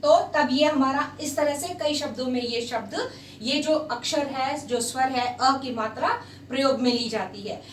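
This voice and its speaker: High-pitched lady teaching hindi, slow and patient, faint hiss behind. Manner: patient, repeats sounds slowly and switches into English. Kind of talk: slow spoken language lesson. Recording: echoey room, voice a bit far from the mic, faint hiss.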